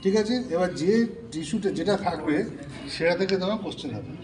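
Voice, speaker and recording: A man with a high-pitched, fast voice teaches students about pathology specimens in an informal session. He explains step by step and often checks that they follow. The mic is distant, with faint background noise.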